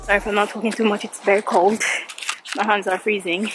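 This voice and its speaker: A young woman vlogs to a handheld camera, chatting casually and breathlessly with frequent exclamations as she climbs a muddy hillside trail, then from a car, then in her bedroom at home. She talks fast at a medium pitch with little variation. The recording is low quality, with music in the background.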